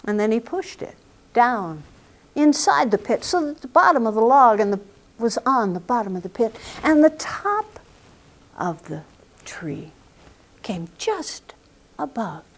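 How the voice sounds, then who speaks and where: A woman's voice: fairly high pitch, very animated, measured pace, long pauses. A woman telling a folk tale live in a recording studio, dramatic and often dropping to a whisper. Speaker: storyteller.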